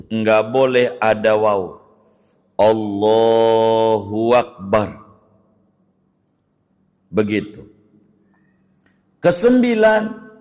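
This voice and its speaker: A middle-aged Islamic cleric with a slightly high voice gives a study lecture on jurisprudence. He draws out recited phrases to demonstrate them and corrects mistakes emphatically.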